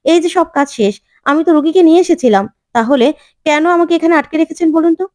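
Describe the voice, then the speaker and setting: A woman voicing a defiant, quick-tempered young student who talks back indignantly. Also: high voice, animated, darkish tone, no echo, studio quality, voice pushed up. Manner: indignant, argumentative.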